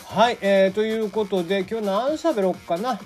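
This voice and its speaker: A man's voice: normal speed, soft background music. A man from Kagoshima with a mixed Kagoshima and Hakata accent, hosting a casual solo podcast, chatty with lots of fillers. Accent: mixed Kagoshima and Hakata dialect. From Kagoshima, Japan. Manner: chatty, many fillers, lively pitch swings. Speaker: podcast host. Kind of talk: casual solo radio talk.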